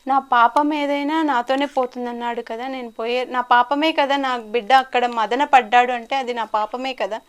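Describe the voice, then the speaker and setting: A woman's voice: on the high side, normal speed, few pauses, smooth. A woman life coach in an interview, telling stories and acting out the quoted lines. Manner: animated storyteller, acts out quoted lines. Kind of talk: storytelling in an interview.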